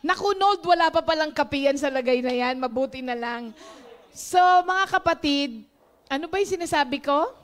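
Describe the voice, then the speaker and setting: A woman's voice: high-pitched, moderate pace. A Filipino woman preaching in a casual, chatty devotional talk, laughing often and mixing English phrases in.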